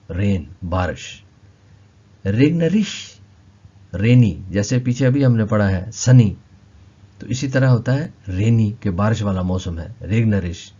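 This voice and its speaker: Male language teacher, low dark husky voice, patient word-by-word repetition, dull lo-fi recording. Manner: slow, repeats each word several times. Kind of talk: explaining vocabulary lesson.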